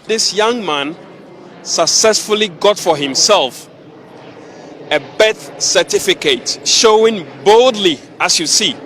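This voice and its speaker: A man's voice: high voice, lively intonation, takes it slowly, fairly bright tone. A man working as a news reporter, insistently grilling a suspect in a confrontational interview. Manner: pointed, insistent questioning.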